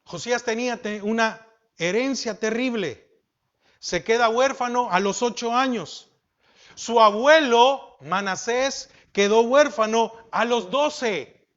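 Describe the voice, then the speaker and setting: A man preaching a sermon as pastor, asking the congregation questions and dropping from loud emphasis to soft. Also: very high voice, slow pace, muffled recording.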